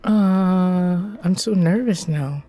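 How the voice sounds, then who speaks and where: A woman's voice: lowish voice, slow, noisy background. A woman streaming a game, talking to herself anxiously and repeating her questions as she plays. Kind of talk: live gameplay commentary.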